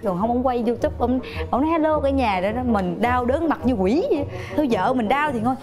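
A young woman guest telling a lively birthing story in casual chat, laughing often and acting out quotes. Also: fairly high pitch, brisk.

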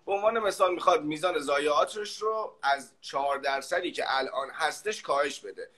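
A man's voice: a little high, sharp tone. A man interviewing an expert, asking questions in an informal way with hesitant fillers.

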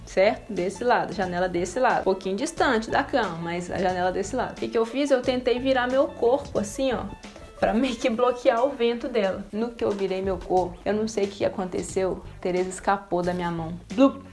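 A young Brazilian woman telling a vlog audience about mishaps with her baby, lively and expressive. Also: medium pitch, a little fast, soft background music. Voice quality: lively, uses diminutives and exclamations. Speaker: vlogger. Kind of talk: casual storytelling to camera.

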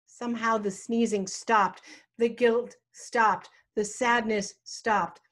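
A middle-aged woman pastor preaching a sermon, telling a personal story with a slow storytelling cadence and dramatic pauses. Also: mid-range voice, fairly bright tone.

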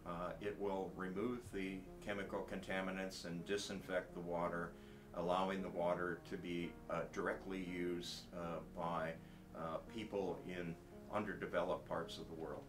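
Brief: older male professor, very low voice, halting speech full of fillers, faint music under. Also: level tone. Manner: halting, many filler pauses. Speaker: research professor. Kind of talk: explaining a project to camera. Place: indoor office.

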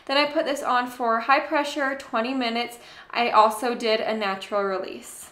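Young woman, cooking vlog voice-over, higher pitch, crisp bright tone, roomy echo. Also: moderate pace. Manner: chatty, relaxed, addresses viewers as "you guys". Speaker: cooking channel host. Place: home kitchen.

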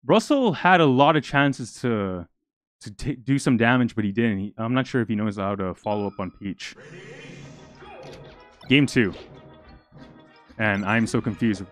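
A young man giving live, excitable commentary on a fighting game match, out of breath and stumbling over his words. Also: medium pitch, measured pace, long pauses, no echo, faint music behind. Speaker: esports commentator.

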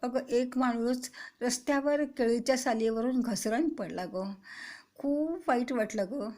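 A woman's voice: a little high, a little slow, mellow, lightly acted. A woman voicing a small boy who is tearful and apologetic in a children's story.

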